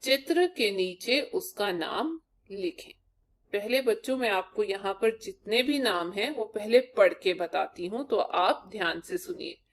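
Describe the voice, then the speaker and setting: A woman's voice: medium pitch, animated, measured pace. A woman teacher giving a primary-school lesson, sounding out letters one at a time for young children.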